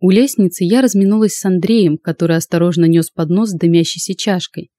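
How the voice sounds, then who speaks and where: A woman narrating first-person fiction as an audiobook reader, in a steady storytelling manner close to the mic. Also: lowish voice, fairly quick, dry recording.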